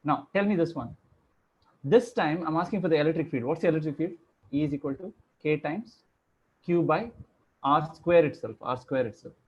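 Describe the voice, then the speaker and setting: A man's voice: fairly high pitch, normal speed, husky, muffled recording. A man teaching a class over a video call, chatty and joking as he quizzes his students. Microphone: computer microphone on a video call.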